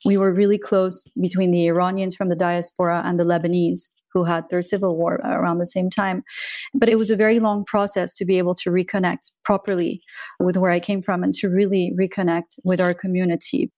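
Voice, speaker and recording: A woman's voice: fairly low pitch, little pitch movement, a little fast, a little mellow, dry recording, clean studio sound. A woman in her forties, from Iran, telling her story as an interview guest in a reflective, thoughtful way. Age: 40s. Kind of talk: conversational interview.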